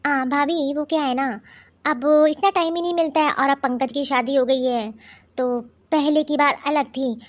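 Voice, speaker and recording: A woman voicing a modern, pushy young city woman in an animated cartoon, speaking breezily and dropping English words. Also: high-pitched, normal speed, lo-fi sound, lightly acted. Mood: breezy.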